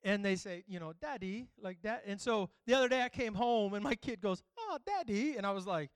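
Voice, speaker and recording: A man's voice: sits high, fairly quick, clear, resonant tone, dry recording. A man preaching a sermon, telling funny family stories and exhorting the congregation. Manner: humorous, storytelling, preacherly. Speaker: pastor.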